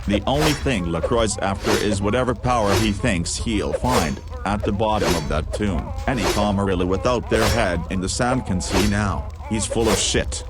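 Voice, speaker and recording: A man's voice: on the low side, close to an everyday voice. A man playing a tough, defiant rebel leader in a video game, talking bluntly and with scorn. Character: gruff, defiant male street rebel leader, contemptuous.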